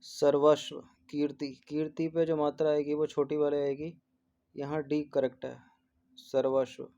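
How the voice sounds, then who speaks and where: Mellow-voiced man explaining spellings. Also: on the high side, monotone, unhurried, dull audio. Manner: repeats each word several times, explaining spellings; mixes English numbers and terms into Hindi. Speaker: teacher. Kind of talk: exam test-series answer walkthrough.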